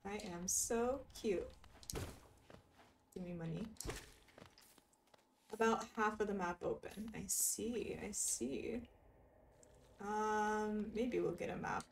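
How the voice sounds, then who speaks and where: A woman's voice: mid-range voice, slow pace, gravelly. A woman streamer giving casual, playful commentary while she plays, giggling and teasing herself. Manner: playful, giggly, self-mocking. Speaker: game streamer. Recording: slightly distant mic, faint noise.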